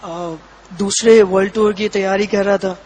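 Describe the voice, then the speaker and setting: A man with a fairly high voice recounts his own experience as an interview guest. He speaks in a flat, level tone, pausing often and searching for words between short phrases. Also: poor audio. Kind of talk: personal testimony.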